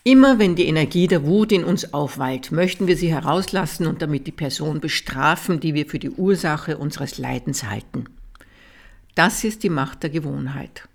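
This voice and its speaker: Calm, measured reader of a spiritual teaching. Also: medium pitch, vocal fry. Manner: calm, measured, softens at key sentences. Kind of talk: audiobook reading of a Buddhist teaching text.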